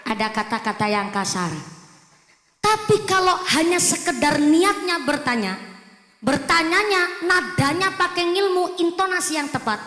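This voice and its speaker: Woman, preacher, lively joking sermon, high voice, long hall reverb. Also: measured pace. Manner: lively, joking preaching mixing in local dialect. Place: mosque religious gathering.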